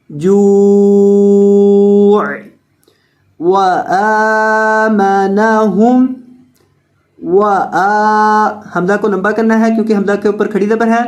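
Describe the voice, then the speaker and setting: A male Quran teacher leads a word-by-word recitation lesson. He stretches each recited word long and slow, then rattles off quick explanations of the rules. At times the recitation turns into a melodic chant. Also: sits high, muffled recording.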